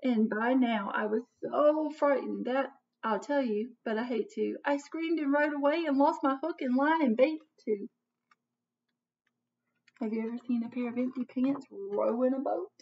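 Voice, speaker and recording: At a moderate pace and in a high voice, a woman in her thirties reads aloud from a children's picture book, expressive and dramatic, asking questions of young listeners like a teacher. Her computer webcam, at desk distance in a small home office, gives dull, distant sound.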